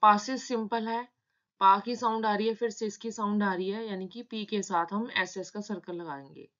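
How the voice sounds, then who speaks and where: Spelling out each sound slowly, this woman patiently splits words apart for a shorthand tutorial, explaining it step by step. She has a mid-range, fairly bright voice with fairly even intonation, heard through dull, lo-fi audio.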